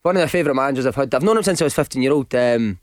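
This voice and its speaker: Man, Glasgow street accent, quick pace, slightly high pitch, dry studio sound, casual matey chat. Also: expressive, no room sound. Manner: street Glasgow vernacular, self-deprecating, matey. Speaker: footballer and radio show guest.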